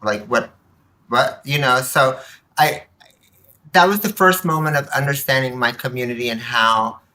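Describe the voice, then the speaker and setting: Over a rough-sounding recording, a man with a mid-range voice speaks as a podcast guest. A community activist, he casually relates personal stories with lively quoted dialogue and rhetorical questions.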